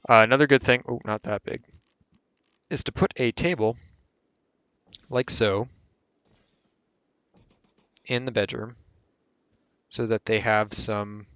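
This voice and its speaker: A man's voice: medium pitch, takes it slowly, pauses often, fairly bright tone, clean tone, no room sound. A man hosting a casual gameplay tutorial who rambles and corrects himself mid-sentence as he explains. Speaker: game tutorial host.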